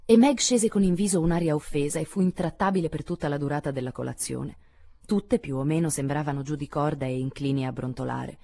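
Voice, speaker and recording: A woman with a low-pitched, mellow voice narrates a classic novel aloud. Her reading is measured and expressive, and she drops softer and quieter for reflective passages. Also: gravelly. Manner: measured, expressive, lowering for asides. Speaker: audiobook reader. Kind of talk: literary audiobook narration.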